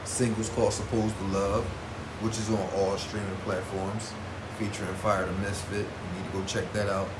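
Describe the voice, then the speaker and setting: A man's voice: fairly low pitch, level tone, moderate pace. A man giving casual vlog commentary as a host, in informal, slangy speech with emphatic repetition. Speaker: host reviewing battle rap artists. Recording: roomy echo with clear background noise.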